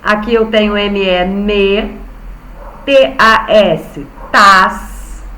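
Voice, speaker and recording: Slow, patient Brazilian woman teacher. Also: medium pitch, steady tone, bright, forceful tone, echoey room, rough recording. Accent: Brazilian Portuguese. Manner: slow, patient, spells out syllables. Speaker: primary school teacher. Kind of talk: online class for young children.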